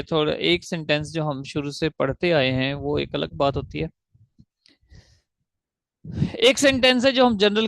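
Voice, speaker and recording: Gravelly-voiced man teaching English grammar. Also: a little high, fairly bright tone, no echo. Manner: explains step by step, spells out syllables slowly, asks the class questions. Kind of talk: online grammar lecture.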